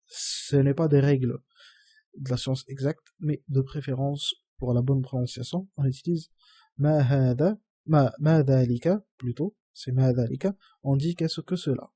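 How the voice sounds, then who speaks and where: A man teaching a lesson, patiently repeating each phrase slowly. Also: medium pitch, warm tone, slightly rough, no room sound. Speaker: Arabic teacher. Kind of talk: slow classroom explanation.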